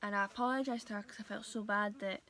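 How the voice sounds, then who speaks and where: A young woman talking casually to her viewers in a vlog, hesitant and full of pauses and fillers. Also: medium pitch, fairly even intonation, sharp tone, a little hiss or hum. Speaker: vlogger. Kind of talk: casual vlog talk to camera.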